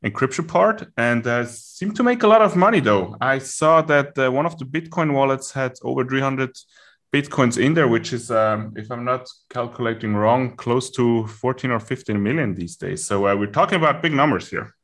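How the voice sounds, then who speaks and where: A man with a German accent, a podcast guest explaining things in a steady, casual chat. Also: medium pitch, moderate pace.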